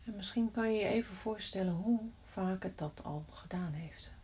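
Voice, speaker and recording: A woman guiding a body-scan meditation in a soft, often whispered voice, slow and calm with long pauses. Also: medium pitch, a little hiss or hum. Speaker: meditation guide.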